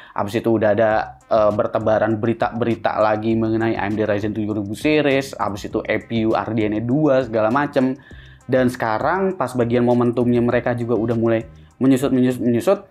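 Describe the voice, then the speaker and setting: A man's voice: mid-range voice, darkish tone. A man hosting a tech channel, chatting casually about hardware news in slangy, think-aloud talk.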